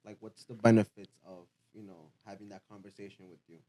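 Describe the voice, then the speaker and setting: A man's voice: on the low side, little pitch movement, quick pace, warm tone, dry recording. A man from Ecuador hosting a casual podcast, asking loose questions packed with "like". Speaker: podcast host.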